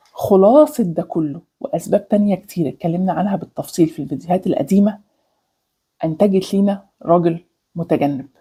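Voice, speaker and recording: A woman's voice: fairly low pitch, dark tone, husky. A woman with an Egyptian Arabic accent hosting a relationship advice channel, explaining earnestly and repeating key phrases for emphasis, with English words mixed in. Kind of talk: talking to camera about relationships.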